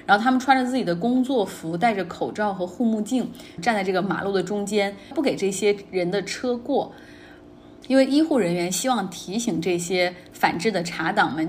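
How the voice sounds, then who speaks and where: A woman's voice: medium pitch, slight background noise. A woman hosting a daily news podcast, commenting on the day's stories in a conversational, opinionated way. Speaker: podcast host.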